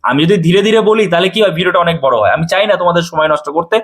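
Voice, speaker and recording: A man explains a recruitment notice in a coaching video. His voice sits high and he talks at a rapid clip. He addresses viewers directly and keeps checking that they are following. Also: expressive, a bit bright. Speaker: coaching teacher.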